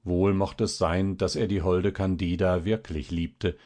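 Low-voiced male audiobook narrator. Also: fairly even intonation, unhurried, darkish tone.

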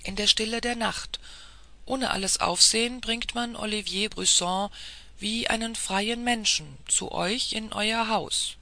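A reader voicing an insistent, formal police official who presses a lady with long, courtly appeals, in a slow, gravelly, bright voice. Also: medium pitch, steady tone, no room sound. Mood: persuasive.

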